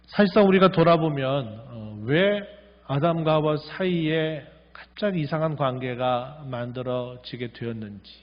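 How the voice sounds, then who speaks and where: Guy pastor preaching, kinda high voice, long church echo, dull lo-fi sound. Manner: reads scripture slowly and firmly, asks rhetorical questions. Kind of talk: sermon. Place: church sanctuary.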